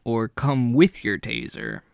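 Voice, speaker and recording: Chill quiet dude on a podcast going along with the bits, dry mic. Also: male voice, medium pitch, slow pace, creaky, clean tone, no room sound. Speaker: podcast co-host. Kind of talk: casual rambling chat.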